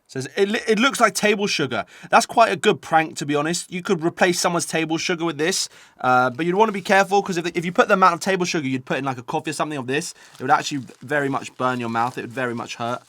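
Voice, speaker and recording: Bright-voiced British man tasting sour candy. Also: on the high side, fast, no room sound. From United Kingdom. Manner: eating sour candy while talking, reacting to the sourness. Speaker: host of a taste-test video. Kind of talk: casual taste-test vlog talking to viewers.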